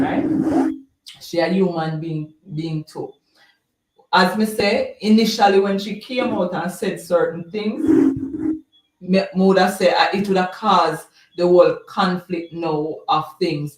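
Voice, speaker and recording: A Jamaican host chatting casually on a live stream, reading viewer comments and drifting between topics, often repeating words. The voice sits at a middling pitch. It sounds roomy and a little distant, as if the speaker is sitting back from the mic.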